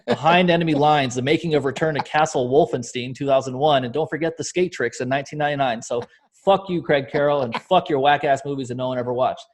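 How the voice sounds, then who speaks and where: A man's voice: medium pitch, fast talker. A man of forty, a podcast co-host who jokes in a sarcastic, mock-ranting way. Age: 40s. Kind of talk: casual chat.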